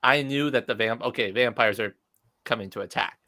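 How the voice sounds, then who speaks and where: A man co-hosting a livestream, chatting loosely and excitably, breaking into laughs. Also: medium pitch, fairly quick. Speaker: co-host. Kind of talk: casual livestream chat.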